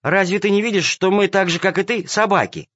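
A man voicing squeaky, mocking little male kittens who think they are dogs, in a storybook reading on a dull, dry recording. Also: fairly quick, fairly bright tone, dry recording.

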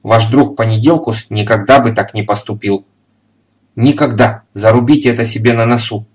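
A man voicing a furious middle-aged landlady, loud and scolding, in a storybook reading. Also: on the low side, normal speed, close to an everyday voice.

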